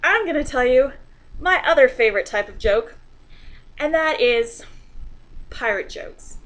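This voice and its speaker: A woman's voice: high-pitched, lively intonation, unhurried, a bit bright, low-quality recording. A woman hosting a casual chat to her viewers, earnest at times and playful when telling jokes. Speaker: host of a beading video chat.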